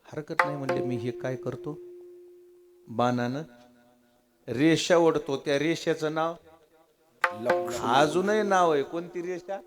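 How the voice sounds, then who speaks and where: Animated Marathi kirtan preacher over tabla. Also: male voice, on the high side, unhurried, pauses often, loud music behind the voice. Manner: animated storyteller, acting out dialogue, call-and-response. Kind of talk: devotional kirtan sermon with chanting and storytelling. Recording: live kirtan with tabla and harmonium. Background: tabla and harmonium.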